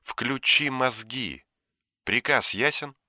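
A man voicing a cold, menacing male official on the phone, speaking quietly and slowly with contempt. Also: mid-range voice, dry recording, studio quality, voice pushed up. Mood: contemptuous. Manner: quiet, contemptuous, slow and deliberate. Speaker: shadowy superior giving orders.

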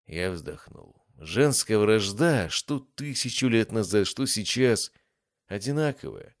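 A man narrating a first-person fantasy audiobook with expressive storytelling. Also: on the low side, slow, no room sound, studio quality.

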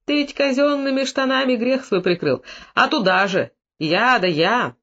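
A man's voice: very high voice, normal speed, voice pushed up, heavily acted. A man doing a drunk, scolding old Cossack. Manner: scolding, shouting. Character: drunk quarrelsome older male Cossack. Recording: dull lo-fi recording.

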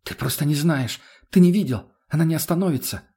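Man voicing a scared teen boy, shaky, high, short halting bursts. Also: mellow, husky. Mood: frightened. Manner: fast, halting, pleading. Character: frightened teenage boy, shaken captive.

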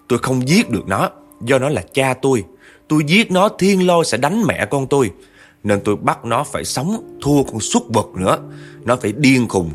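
A man voicing the vengeful ghost of a young woman, shrill and choked with rage. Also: lightly acted.

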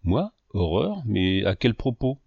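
A man reading the lines of a proud young wife who answers curtly and defensively, in his own low voice. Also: big pitch swings, slow pace, gravelly, breathy edge, no echo, full character voice. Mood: guarded. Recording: dull lo-fi dry recording.

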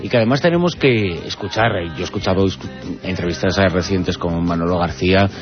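A man hosting a radio show, introducing a guest in a measured presenter manner. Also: deep voice, over music. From Spain. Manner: measured presenter, lists credits. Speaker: radio host. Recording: dry, dull radio broadcast.

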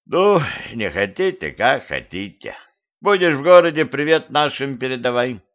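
A man voicing a gloomy talking skeleton stuck in a tree, speaking slowly with drawn-out, ominous words, on a dull lo-fi home recording. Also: medium pitch, very animated, pitched above the performer's own voice. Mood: mournful.

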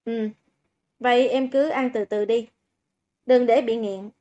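A warm older brother with a slightly hoarse, smiling voice, as a woman reader puts him on. The recording sounds dull and lo-fi. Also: a little high, fairly even intonation, a little slow, close to an everyday voice. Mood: warm, teasing.

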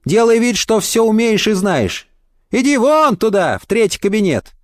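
A man's voice: high-pitched, sing-song, moderate pace, dry recording, studio quality, voice pushed up. A man doing a fussy little old watchman. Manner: fussy, chattering, exclaiming.

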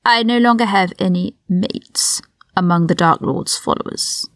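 A condescending aristocratic older man hisses through a whispered role-play, as a woman reader puts him on. His low, gravelly whisper cuts with cold contempt, and the sound is close and dry. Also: big pitch swings, normal speed, a bit bright, no echo, full character voice. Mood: bitter. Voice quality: hissing whisper. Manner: condescending, cutting. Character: cold aristocratic older male prisoner, sneering.

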